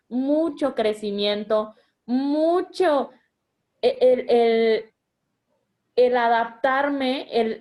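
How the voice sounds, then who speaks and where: A woman's voice: high voice, a little mellow. A woman, speaking as a mother in a conversation about raising children, earnest and explanatory, often restarting her sentences. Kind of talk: conversational parenting advice.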